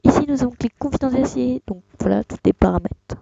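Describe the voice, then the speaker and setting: Young tutorial host, gravelly and mellow, hesitant delivery, dull dry desktop mic sound. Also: medium pitch, quick pace, no echo. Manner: hesitant, many fillers and restarts. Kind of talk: casual screen-recorded tutorial.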